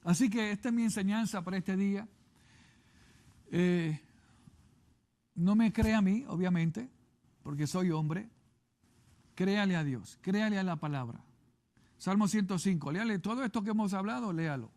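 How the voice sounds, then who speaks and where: Male pastor with a Puerto Rican accent, high voice, emphatic, repetitive TV sermon delivery. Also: normal speed, pauses often, a little mellow. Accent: Puerto Rican Spanish. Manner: emphatic, repeats and urges listeners to read scripture. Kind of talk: televised sermon.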